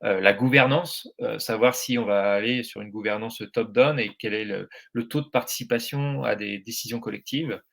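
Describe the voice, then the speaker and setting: A man's voice: on the low side, normal speed, gravelly, few pauses, a bit bright. A French man giving a presentation at a meetup, speaking hesitantly with many fillers and restarts. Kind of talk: presentation talk.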